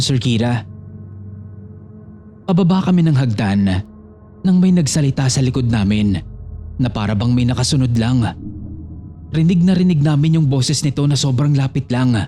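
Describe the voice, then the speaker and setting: A man narrates a listener's horror story in the first person, his voice mellow and dark. Soft music plays faintly underneath. He is at an average pitch and reads at a steady storytelling pace. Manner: storytelling, reads a listener's letter addressed to the host.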